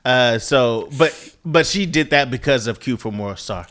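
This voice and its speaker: A man co-hosting a podcast, chatting in an easygoing, reflective way and often filling in with a quick "mm-hmm.". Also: medium pitch. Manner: easygoing, reflective, steady backchannel. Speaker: podcast co-host. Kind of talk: casual chat.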